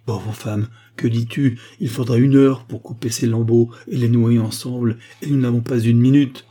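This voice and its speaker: An ardent young nobleman in a historical storybook, urgent and earnest, as the male reader gives him voice. The tone is dark and husky, close to the narrator's own voice. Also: mid-range voice, fairly even intonation, normal speed, lightly acted.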